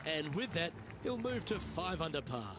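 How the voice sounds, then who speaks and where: A man's voice: fairly high pitch, sing-song, moderate pace. A man playing an upbeat, composed golf commentator in a video game broadcast. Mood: measured, engaged. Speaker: golf commentator, lead announcer. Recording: outdoor ambience noise behind voice.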